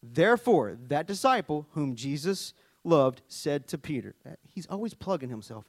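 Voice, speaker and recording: Speaking at normal speed in a fairly high-pitched voice on a dry recording, a middle-aged Southern US-accented man from Arkansas preaches as a worship leader. The sermon is conversational and chatty, with scripture reading, joking asides, and animated storytelling.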